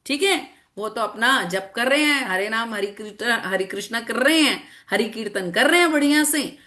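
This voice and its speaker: In an online class, an animated woman teacher tells children a scripture story as a storytelling lesson with slides. Her bright, fairly high voice moves at a normal speed and leaps around a lot as she repeats phrases and checks that the kids are following.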